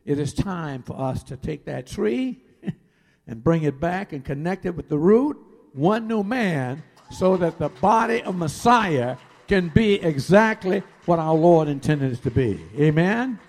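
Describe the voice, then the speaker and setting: A man's voice: fairly high pitch, lively intonation, measured pace, vocal fry, a little mellow. A man preaching a sermon, asking the congregation rhetorical questions. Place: large worship hall. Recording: echoey hall.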